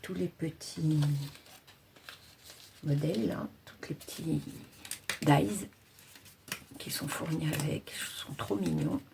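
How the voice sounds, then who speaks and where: A woman's voice: deep voice, takes it slowly, gravelly, long pauses, noisy background. A woman hosting a casual crafting tutorial, chatting and thinking aloud as she works.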